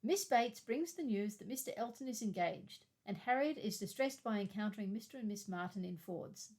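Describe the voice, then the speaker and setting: A woman co-hosting a literary discussion podcast, summarizing chapters in a brisk, matter-of-fact way. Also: medium pitch, lively intonation, darkish tone. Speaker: podcast co-host.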